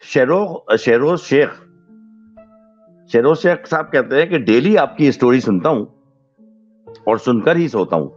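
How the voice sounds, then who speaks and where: A male podcast host in a casual chat, thanking listeners by name in a relaxed, chatty way and slipping into English thank-yous. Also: medium pitch, pauses often. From Pakistan. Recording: dull lo-fi recording with faint music.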